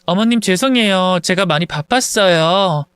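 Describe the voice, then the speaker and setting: A man's voice: sits high, lively intonation, normal speed, fairly bright tone, smooth, dry recording, studio quality. A man voicing a polite, apologetic young wife, a busy doctor, speaking formally and soothingly in a story reading.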